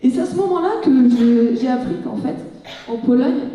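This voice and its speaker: A young French woman telling a humorous story about her student exchange, lively and joking, acting out bits of dialogue. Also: high voice, normal speed. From France. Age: young adult. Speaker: student speaker. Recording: echoey hall, heard from far off.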